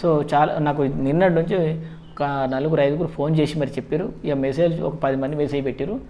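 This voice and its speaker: Man, Telangana Telugu accent, very quick pace, frequent English words mixed into Telugu, informal explainer. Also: fairly high pitch, fairly even intonation, warm tone. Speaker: job-exam advice video host. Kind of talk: informal explanatory commentary to viewers.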